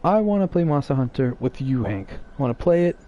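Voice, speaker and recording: A man's voice: mid-range voice, big pitch swings, brisk, lo-fi sound. A man streaming live, chatting casually and teasing his viewers in a rambling way.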